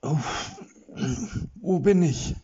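A man's voice: on the high side, very slow, warm tone, husky, pitched above the performer's own voice, exaggerated voice. A man voicing a young male hero, impatient and easily flustered, in an audiobook, on slightly muffled audio. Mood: confused.

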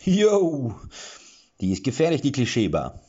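A man voicing a brash, jovial dwarf police chief who talks loudly and mockingly, on a slightly dull recording. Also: mid-range voice, wildly swooping pitch, measured pace, husky, voice pushed up, full character voice. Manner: loud, breezy, mocking.

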